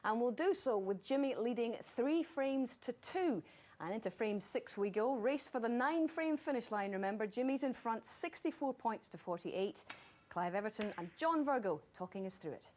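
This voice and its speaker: A woman's voice: a little high, animated, normal speed, a little mellow. A woman presenting a snooker broadcast with fluent, polished, lightly chatty scripted links. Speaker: sports presenter.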